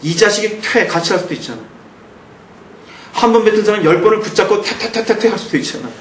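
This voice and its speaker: A male pastor preaching a sermon. He acts out angry outbursts, then drops to hushed, earnest appeals. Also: high-pitched, animated, racing, roomy sound, slight background noise. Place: church sanctuary.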